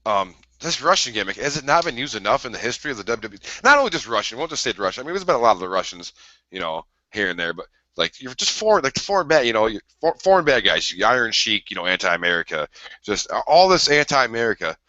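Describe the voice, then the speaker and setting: Young male podcast co-host, bright, argumentative, lively delivery, dry muffled home recording. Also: medium pitch, quick pace, dry recording. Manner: animated, argumentative, mocking. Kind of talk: casual podcast banter.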